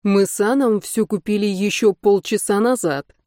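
A woman reading the part of a calm male doctor who soothes and reassures his sister. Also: medium pitch, normal speed, no echo, clean studio sound, close to an everyday voice. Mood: soothing. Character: calm caring male doctor, protective older brother.

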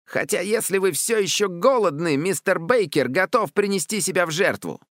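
A man voicing an excitable, boastful young boy who calls himself commander, loud and eager. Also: high voice, normal speed, no echo, studio quality, voice pushed up. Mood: bold.

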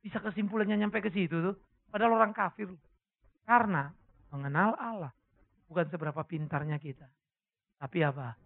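A man preaching a sermon, asking the congregation questions and breaking into sudden loud cries. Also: sits high, a little fast, creaky, long pauses. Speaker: pastor. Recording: tinny phone-like lo-fi sermon recording.

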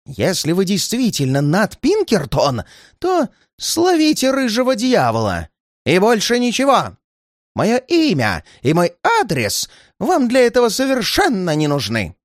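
A man's voice: a little high, no echo, studio quality. A man voicing a frightened, paranoid old man who pleads in a shaky, tearful voice. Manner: frantic outbursts, near tears.

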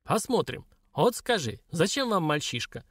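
A man's voice: a little high, very animated, moderate pace, fairly bright tone, dry recording, clean studio sound, pitched above the performer's own voice. A man reading an audiobook, voicing a stern, cold old woman shaman who questions curtly. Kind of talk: audiobook character voice.

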